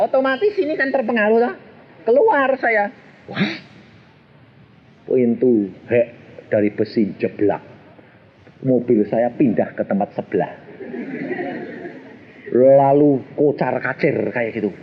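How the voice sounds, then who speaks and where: A middle-aged man preaching a storytelling sermon, animated and jokey, acting out the voices in his stories. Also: medium pitch, slightly rough. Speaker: pastor. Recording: dull lo-fi sermon recording with faint hiss.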